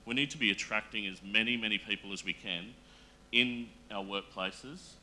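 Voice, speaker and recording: A man speaking on a panel in a casual, earnest way, halting often with fillers and restarts. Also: on the low side, sharp tone, a little hiss or hum. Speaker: panel guest.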